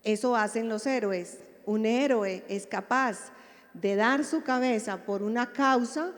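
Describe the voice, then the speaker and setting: A woman's voice: a little high, a little slow, long reverb tail. A woman psychologist giving a public lecture on grief, speaking expressively and checking in with her audience through rhetorical questions.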